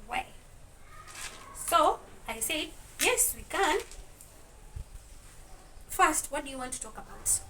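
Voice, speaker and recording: A woman's voice: sits high, animated, slow pace, pauses often, pushed and bright. A young woman chatting in a casual storytelling vlog, mixing Swahili words into her English and laughing often. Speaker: vlogger. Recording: distant mic with clear kitchen noise. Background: dishes and cutlery clinking.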